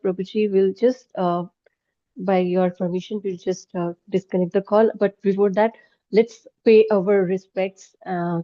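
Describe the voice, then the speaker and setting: A woman's voice: on the low side, dark tone, no echo, dull audio. Gracious woman hosting an online forum. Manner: polite and gracious, many thanks and honorifics. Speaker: forum host. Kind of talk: moderating an online session. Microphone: video call.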